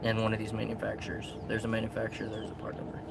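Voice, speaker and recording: A man's voice: lowish voice, monotone, racing, vocal fry. A man explaining electrical parts in a matter-of-fact way, heard from some distance outdoors. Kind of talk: explaining technical details. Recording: distant voice over loud outdoor noise.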